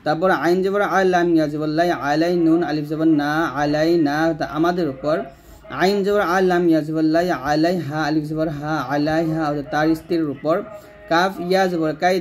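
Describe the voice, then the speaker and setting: A man teaching Quran reading, spelling out letters and vowel marks syllable by syllable, slow and repetitive, and dropping lower and quieter at the ends of sentences. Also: slight background noise.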